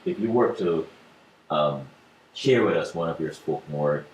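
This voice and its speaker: A man's voice: rumbling low, animated, unhurried, reverberant, slight background noise, rough recording. A man hosting an interview, asking questions in an encouraging, enthusiastic way. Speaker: interviewer host.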